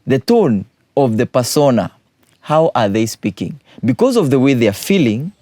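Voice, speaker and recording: A man's voice: medium pitch, very animated, normal speed, warm tone, no room sound. A man, a teacher patiently explaining poetry exam questions and repeating key points.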